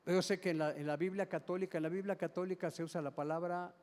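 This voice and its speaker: A man's voice: high-pitched, fairly even intonation, fast talker, darkish tone, in a large hall. A man preaching a sermon as pastor, explaining step by step, often repeating and restarting words and asking the congregation questions. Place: church service hall.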